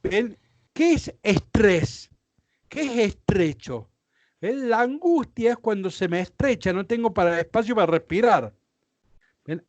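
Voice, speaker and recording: A man with a Rioplatense Spanish accent teaches a Bible class as a priest, speaking slowly in a high, lively voice. He explains patiently and keeps asking his listeners whether they follow. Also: dry recording. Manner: explanatory, frequent checks like ¿sí? and ¿ven?.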